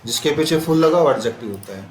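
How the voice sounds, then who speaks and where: A man teaching a classroom grammar lesson, repeating words slowly and quizzing his students as he explains. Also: a little high, animated. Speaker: English teacher. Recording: roomy classroom with faint noise.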